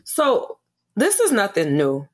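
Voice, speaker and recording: A woman's voice: medium pitch, huge pitch swings, takes it slowly. A woman speaking as an early childhood educator on a podcast interview, earnest and passionate, often restarting and repeating words.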